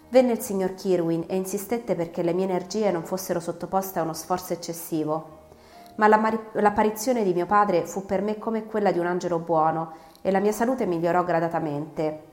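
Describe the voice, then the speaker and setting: A woman narrates a classic novel in a steady, measured first-person telling. Her voice sits somewhat low and carries a roomy echo. Faint music runs quietly underneath. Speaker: audiobook reader. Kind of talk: literary audiobook narration.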